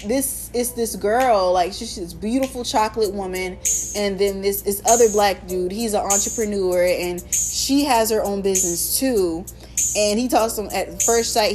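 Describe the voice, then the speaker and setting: A young American woman hosting her own podcast, talking casually and candidly with lots of slang and swearing while telling stories. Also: medium pitch. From United States. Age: young adult. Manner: candid, profane, animated storytelling with slang. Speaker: podcast host. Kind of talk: casual solo podcast chat.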